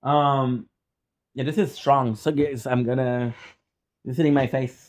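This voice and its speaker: A man with a French accent telling personal stories in a casual, rambling vlog style, often halting to repeat and correct himself. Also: medium pitch, fairly even intonation. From France or French-speaking region. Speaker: content creator.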